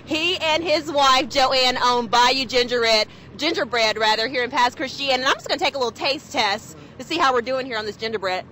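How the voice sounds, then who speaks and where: A woman's voice: high voice, bright, forceful tone. A woman TV news reporter delivering stories and live reports on location, upbeat and chatty. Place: outdoors on location.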